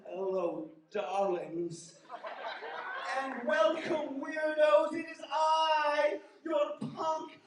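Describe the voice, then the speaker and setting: A man cutting a theatrical wrestling promo, flamboyant and calling everyone darling, shouting lines out to the crowd. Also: very high voice, drawn-out words, background noise. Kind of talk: in-ring wrestling promo on a microphone. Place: indoor wrestling arena. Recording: echoey arena from far off, loud crowd.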